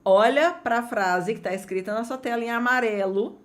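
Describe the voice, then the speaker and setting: A woman from Brazil gives an online English lesson in a fairly high voice. She is energetic and chatty, speaks directly to her students, and her pitch swings widely from phrase to phrase. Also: normal speed. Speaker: English teacher.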